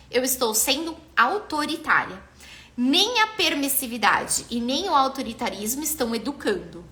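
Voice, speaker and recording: A Brazilian woman in her thirties talks through parenting on a casual live stream. Her voice sits high and swings widely, animated and expressive. Her tone is bright and clear, and she acts out the lines of parents and children as she talks. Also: slight background noise. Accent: Brazilian Portuguese.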